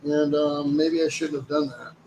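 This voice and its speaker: A man's voice: on the high side, steady tone, moderate pace, warm tone, slight background noise, poor audio. A man hosting a live stream, talking casually and rambling as he greets viewers and goes through items. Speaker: live stream host running a silver auction.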